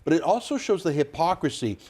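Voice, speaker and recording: A man's voice: a little high, sing-song, fairly quick, a little mellow. A man, hosting a political commentary segment in an emphatic, sarcastic way. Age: 40s. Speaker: host.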